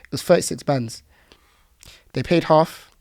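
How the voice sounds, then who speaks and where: A woman's voice: deep voice, unhurried, a little mellow, no echo, studio quality. A woman with a London accent hosting a casual podcast interview in a slangy, conversational way. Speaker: podcast host. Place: podcast recording.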